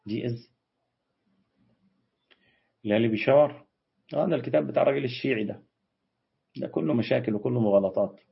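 A husky-voiced Egyptian man runs a casual live stream, firing back quick answers to his viewers' comments. He talks at a rapid clip, with a slightly raspy edge to his voice. The stream audio is dull and lo-fi. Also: mid-range voice. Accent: Egyptian Arabic. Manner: brisk, reads out and answers viewer comments, quick dismissive retorts. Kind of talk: casual live Q&A on religion and history.

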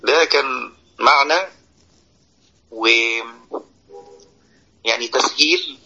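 A man's voice: medium pitch, pushed and bright, husky, dull audio. A man with an Egyptian Arabic accent teaching Quran recitation in an online class, explaining verses step by step and often checking that listeners follow.

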